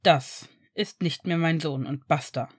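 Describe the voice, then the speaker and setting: A woman's voice: deep voice, unhurried, breathy edge, voice pushed down. A woman voicing an angry, contemptuous middle-aged werewolf father who speaks bluntly and thunders at the doctor. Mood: furious.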